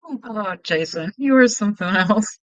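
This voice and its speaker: A woman's voice: medium pitch, lively intonation, unhurried, fairly bright tone, no room sound, rough recording. A woman hosting a casual live stream, chatting in a scattered way and greeting viewers as hun.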